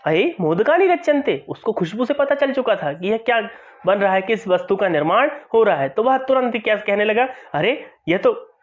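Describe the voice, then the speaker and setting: A male teacher explaining a school play line by line, repeating phrases to make them clear. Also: high voice, expressive, brisk. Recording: dull lo-fi sound.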